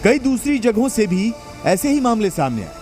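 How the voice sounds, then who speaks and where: A high-voiced man narrates a scripted news report in a dramatic, emphatic, sing-song way, a little mellow and at normal speed. Faint music plays beneath him.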